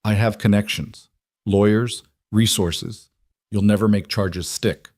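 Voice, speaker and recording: A man's voice: lowish voice, fairly even intonation, takes it slowly, no room sound, studio quality. A man voicing an arrogant, ruthless cattle baron who speaks coldly and makes threats. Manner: cold and quiet, turning to furious threats.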